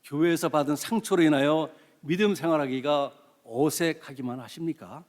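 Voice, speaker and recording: Older pastor preaching in echoing church. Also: male voice, fairly high pitch, moderate pace. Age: 60s. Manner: earnest storytelling with rhetorical questions. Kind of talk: sermon. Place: church sanctuary.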